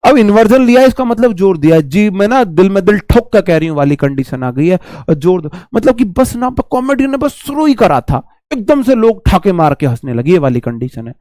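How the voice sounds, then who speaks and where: A man's voice: high voice, big pitch swings, brisk, few pauses, a little mellow, no room sound, studio quality. A young man teaching grammar in a live online class, chatty and teasing, mixing Hindi and as he reads student questions aloud.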